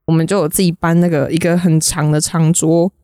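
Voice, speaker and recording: Young taiwanese woman gushing a story fast, giggly, dead dry studio sound. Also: low voice, level tone, dark tone, no room sound. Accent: Taiwanese Mandarin. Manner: rapid, giggly, chatty. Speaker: podcast guest. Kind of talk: casual storytelling chat.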